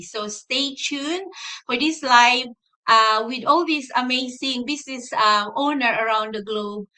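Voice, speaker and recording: Brief: woman in her 40s, bright, high voice, cheerful and friendly on a video call. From Philippines. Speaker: nurse and online business coach. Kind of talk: live stream introduction.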